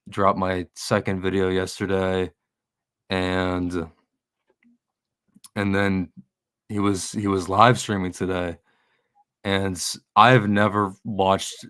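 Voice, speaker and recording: Guy rambling and cussing on a podcast, kinda low voice, dry close sound. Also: little pitch movement, slow, long pauses, a bit bright, clear, resonant tone, no room sound. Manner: rambling, profane, with many restarts. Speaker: guest streamer. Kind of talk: casual podcast chat.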